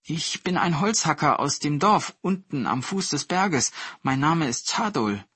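A man's voice: on the high side, expressive, measured pace, bright, forceful tone, slightly rough, no room sound, pitched above the performer's own voice, heavily acted. A man voicing a humble, honest male woodcutter with a raised, eager and earnest voice.

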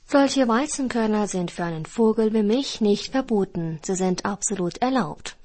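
Woman voicing a bird, fable, earnest, insistent, medium pitch. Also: expressive, moderate pace, darkish tone, lightly acted. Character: pious, self-justifying small bird.

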